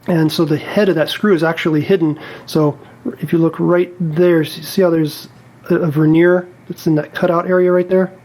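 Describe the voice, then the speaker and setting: In a tutorial-style clip, a man with a slightly high voice walks through a hands-on repair like a technician, explaining every step with methodical care. His delivery is casual and unscripted, steady in tone, at a normal pace, and a little mellow.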